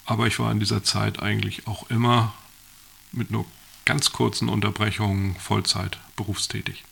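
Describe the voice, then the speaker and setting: A man in his sixties, a podcast guest who speaks in a measured, reflective way. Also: on the low side, level tone, creaky, fairly bright tone, husky. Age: 60s. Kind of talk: conversational interview answers.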